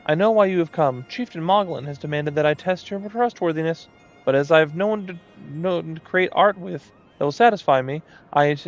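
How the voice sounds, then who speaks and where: A man's voice: a little high, dull audio, pitched above the performer's own voice. A man voicing a vain, fussy moogle painter in a pompous, theatrical manner. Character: vain, fussy moogle artist, grandly self-important.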